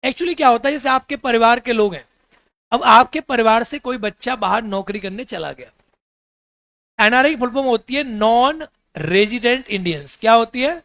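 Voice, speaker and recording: This is a man with a very high-pitched voice, speaking at normal speed with a pushed, bright tone and no echo. He's giving a classroom lecture, quizzing his students with repeated questions and asking them to repeat answers, teasing and joking as he explains.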